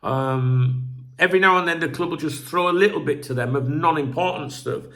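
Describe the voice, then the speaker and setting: A man whose voice runs on the high side, fairly quick, pushed, and bright, delivers casual chat commentary for his football channel. He rambles, clears his throat a lot, swears offhandedly, and sounds slightly croaky from a sore throat.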